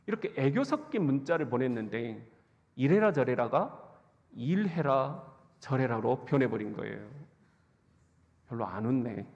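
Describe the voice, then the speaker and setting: Slow, lively male pastor in echoey hall. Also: mid-range voice, creaky. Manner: humorous storytelling with acted-out quotes. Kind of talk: sermon. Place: church sanctuary. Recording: echoey church hall, dull lo-fi sound.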